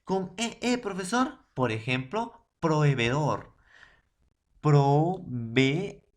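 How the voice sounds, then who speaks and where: A man from Peru teaching a grammar lesson, in an unhurried and deliberate way. He stretches words out syllable by syllable and keeps checking in with his students, often asking questions and answering them himself. His voice sits at an ordinary middle pitch. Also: big pitch swings, fairly bright tone. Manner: slow, syllable-by-syllable spelling out of words, with frequent "¿ya?" and "¿no?" checks. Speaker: secondary school teacher. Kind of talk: classroom lesson.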